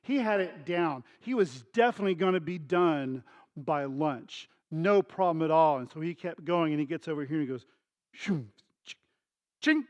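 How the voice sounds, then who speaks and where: A middle-aged pastor delivers his sermon in a high voice. He talks to the congregation casually and acts out scenes with voices and sound effects. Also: moderate pace, darkish tone. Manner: storytelling with acted dialogue and sound effects; conversational, addresses congregation directly.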